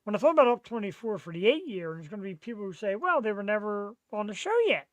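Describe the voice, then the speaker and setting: Excitable man hosting a podcast. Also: sits high, quick pace, dry recording. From Philadelphia, USA. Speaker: podcast host. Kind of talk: casual live podcast chat.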